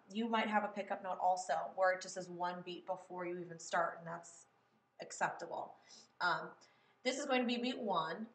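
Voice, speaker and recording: A woman's voice: mid-range voice, a bit bright, reverberant. A woman music teacher explaining step by step in a patient classroom manner. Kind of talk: classroom lesson on writing melodies.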